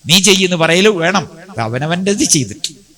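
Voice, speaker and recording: A man's voice: high-pitched, lively intonation, moderate pace, pushed and bright. A man preaching a Friday sermon in a mosque. He tells the story and keeps asking rhetorical questions that he answers himself.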